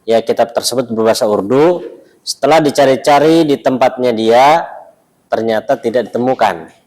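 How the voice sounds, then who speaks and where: A man with an Indonesian accent teaching an Arabic lesson to a mosque class, explaining in a relaxed, chatty way with asides. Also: medium pitch, normal speed, rough recording.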